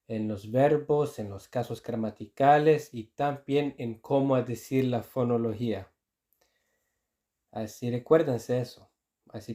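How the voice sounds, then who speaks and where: A man's voice: medium pitch, mellow. A man whose first language is Icelandic, teaching Icelandic pronunciation in Spanish, repeating example words and restarting his sentences often. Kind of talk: explaining pronunciation to learners.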